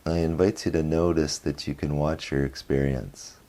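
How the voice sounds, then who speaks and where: A man leads a guided meditation as the teacher, his very deep voice soft and mellow. He talks slowly and evenly, barely changing pitch, pausing at length after each short phrase.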